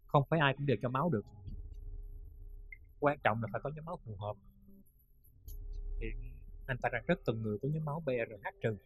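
An actor playing a calm, formal emergency-room doctor in a TV drama. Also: male voice, mid-range voice, fairly quick, long pauses, slightly rough, phone-quality sound, lightly acted. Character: calm, matter-of-fact male ER doctor. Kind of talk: TV drama acting.

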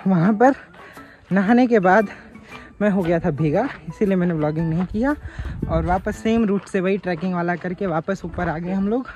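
A man's voice: sits high, moderate pace, darkish tone, dull audio, soft background music. A young man chatting playfully and upbeat as a travel vlogger on a mountain trail, talking into a handheld camera. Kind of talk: casual travel vlog narration.

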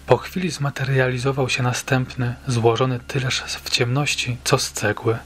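A man narrating a short horror story as an audiobook reader, in a measured, suspenseful storytelling manner. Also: medium pitch, little pitch movement, a bit bright, a little hiss or hum. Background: faint background music.

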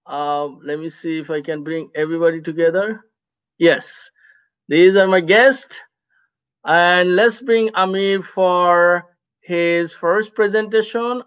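A man hosting a live online poetry reading, introducing his guests slowly and hesitantly with many fillers. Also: high-pitched, fairly even intonation, a bit bright, clean tone, distant mic, poor audio.

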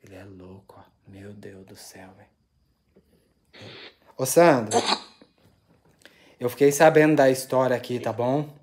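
A man hosting a ghost-hunting vlog from inside an abandoned house, asking questions aloud and dropping into hushed, awed murmurs between them. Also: medium pitch, a little slow, pauses often. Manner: anxious, awed. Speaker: paranormal investigator host.

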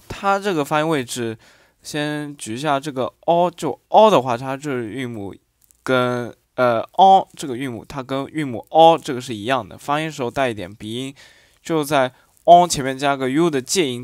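A man's voice: medium pitch, no echo, clean studio sound. A man teaching a phonetics lesson who reads example syllables aloud one by one and explains with frequent hesitant fillers. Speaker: dialect teacher.

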